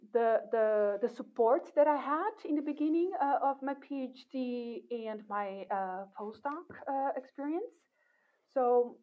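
A woman researcher being interviewed, talking thoughtfully with frequent restarts. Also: on the high side. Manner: thoughtful, with many restarts and fillers. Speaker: guest, cognitive science researcher. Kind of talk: casual interview talk. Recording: tinny phone-like call audio.

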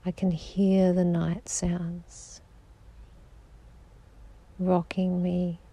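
A woman leads a guided sleep meditation, speaking slowly and soothingly and often sinking into a whisper. Her low voice is mellow and even, with a gravelly edge. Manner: slow, soothing, drifting into whispers.

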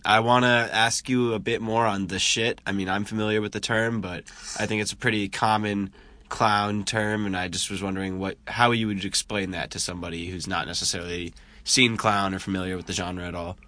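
A man interviewing a comedian, asking measured, encouraging questions. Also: lowish voice, level tone, bright, forceful tone, dry recording.

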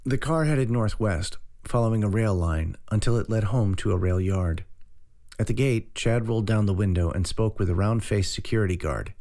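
A man narrating a story in an even, unhurried way. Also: lowish voice. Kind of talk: audiobook narration.

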